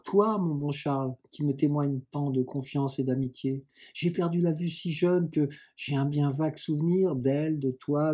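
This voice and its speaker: A man reading the lines of a gentle, pious young blind woman in an audiobook, in a soft, serene, resigned way. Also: fairly high pitch, breathy edge.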